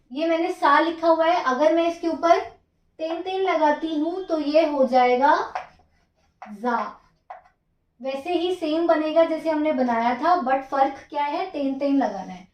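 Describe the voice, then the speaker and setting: A Japanese teacher guides a writing lesson stroke by stroke, counting each one aloud and patiently repeating every step. Her voice is high and unhurried, and the dull, echoey recording sounds like a small room at home.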